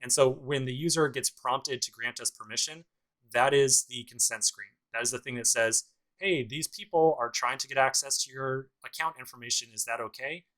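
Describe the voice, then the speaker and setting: A man's mid-range, slightly bright voice comes through at normal speed in a rough recording. Teaching a programming course via a casual screencast tutorial, he goes step by step and adds dry, sarcastic asides.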